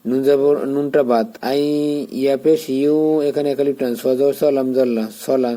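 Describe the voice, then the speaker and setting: Guy teaching quran reading, very warm dark voice, patient step by step. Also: medium pitch, flat delivery. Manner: slow drawn-out chanting when joining words. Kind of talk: spelling out Arabic letter by letter.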